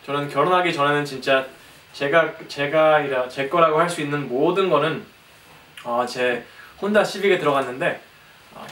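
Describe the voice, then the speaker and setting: A young man preaches from prepared notes in halting, hesitant speech with frequent pauses. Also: fairly high pitch, a bit bright. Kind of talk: sermon, reading from prepared notes. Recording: echoey room, distant mic, faint noise.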